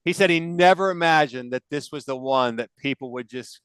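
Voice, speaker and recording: A man's voice: medium pitch, fairly quick, fairly bright tone, clean tone, no echo, poor audio. A man hosting a casual music debate show, opinionated and enthusiastic as he tells stories. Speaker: podcast host. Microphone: on camera, video call.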